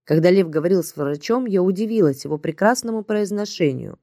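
A woman narrating an audiobook in the first person, with even, measured storytelling. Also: on the low side, no echo, studio quality.

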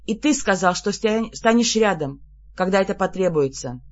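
An audiobook reader telling a fantasy story in the first person, with a lively, exasperated edge in the heroine's own lines. Pitch sits in a middle range. The recording sounds slightly dull and lo-fi. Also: moderate pace. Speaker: audiobook narrator.

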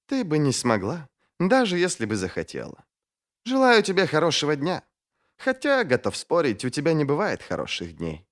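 A man's voice: on the high side, wildly swooping pitch, normal speed, voice pushed up. A man voicing a sly, smirking male mage with a silky, mocking manner.

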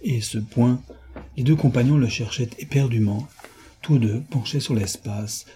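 A man narrating a classic novel as an audiobook, measured and literary. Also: medium pitch, dark tone. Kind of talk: scripted narration.

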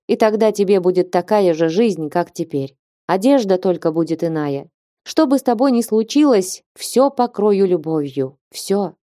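A woman reading an audiobook and voicing an elderly abbess who speaks in a slow, grave, measured way. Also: medium pitch, warm tone, no echo, clean studio sound, natural voice. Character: stern but loving elderly abbess.

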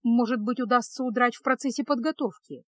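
A woman narrating a fantasy audiobook in an even storytelling delivery. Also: fairly high pitch, a little fast, dry recording, studio quality.

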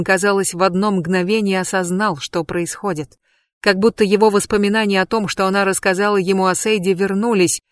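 A woman narrates a dark fantasy audiobook in a measured, dramatic reading. Her voice sits at an ordinary middle pitch. The recording is dry and close, with no room sound. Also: no echo. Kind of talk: scripted narration.

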